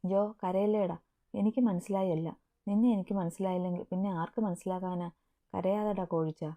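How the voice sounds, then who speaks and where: A woman's voice: on the low side, steady tone, a little fast, lightly acted. A woman voicing Krishna, a playful young wife. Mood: coaxing. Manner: playful, coaxing. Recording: narrow phone-like sound.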